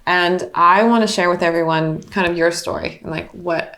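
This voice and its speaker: A woman's voice: lowish voice, fairly even intonation, moderate pace, fairly bright tone. A woman hosting a casual interview, bubbly and upbeat. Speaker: host.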